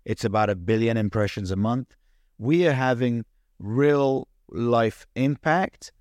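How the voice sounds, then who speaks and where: A man's voice: medium pitch, measured pace, a little mellow. A man, a podcast guest speaking earnestly and fluently, often restarting his words. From United Kingdom. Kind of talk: podcast interview.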